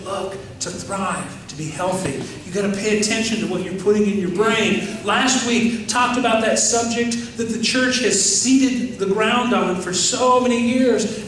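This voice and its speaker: A middle-aged man preaching a sermon as pastor, animated and questioning his congregation. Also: high voice, slight background noise. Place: large church sanctuary. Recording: very echoey sanctuary, distant mic.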